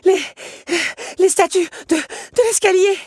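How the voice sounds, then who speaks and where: A woman doing a panicked young heroine in a storybook, her voice jumping far higher and louder than the narration, breathless and shrill. The take is dry and close, with a husky edge. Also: unhurried, no room sound. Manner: breathless, panicky, high-pitched cries. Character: frightened young woman fleeing stone lions. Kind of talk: storybook reading.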